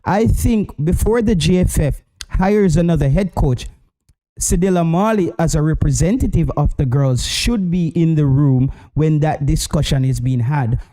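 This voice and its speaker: A man's voice: on the high side, dark tone. A man with a Jamaican accent hosting casual livestream football commentary, opinionated and emphatic, repeating phrases to drive points home.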